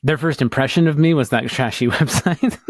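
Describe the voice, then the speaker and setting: A man's voice: on the high side, brisk, no room sound. A man from the United States co-hosting a podcast, talking in a casual, hesitant, rambling way with many restarts. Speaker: podcast co-host. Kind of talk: casual chat.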